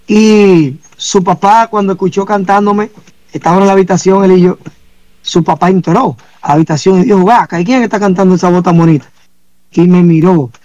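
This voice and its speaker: A man with a fairly high voice tells his story in a casual interview. He acts out the dialogue he quotes with lively energy. The sound is dry and close. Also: dry recording. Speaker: singer guest.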